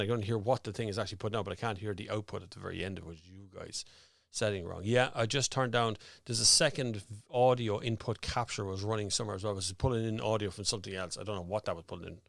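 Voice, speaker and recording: A man's voice: lowish voice, vocal fry, fairly bright tone, no echo, studio quality. An Irish man hosting a casual live stream, rambling and chatty as he sorts out his audio on air. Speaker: host. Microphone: studio microphone with headphones.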